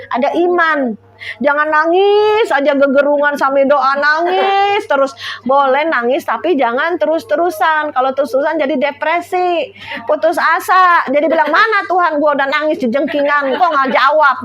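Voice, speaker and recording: Woman, high-pitched, middle-aged, informal home sermon, conversational and exhorting. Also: fairly bright tone, highs cut off. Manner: conversational, exhorting, checks in with listeners. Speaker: preacher.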